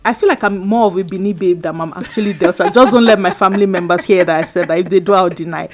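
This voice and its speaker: Chatty woman, animated asides. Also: fairly low pitch, fast talker. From Nigeria. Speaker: radio guest. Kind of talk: casual chat.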